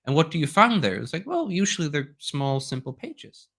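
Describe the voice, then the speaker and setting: In a chatty webinar presentation, a Swedish guest speaker on domains, a native Swedish speaker, swaps anecdotes and checks in with "right?" again and again. His voice is a little high and sing-song, moderately paced, with a fairly bright tone.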